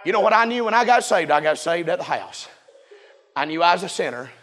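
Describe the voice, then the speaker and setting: A man preaching a revival sermon in a chanting, shouting cadence. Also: on the high side, big pitch swings, fairly quick.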